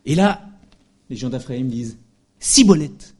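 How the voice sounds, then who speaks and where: A man preaching a sermon in an emphatic, lively way, often adding little asides and short laughs. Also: fairly high pitch, moderate pace.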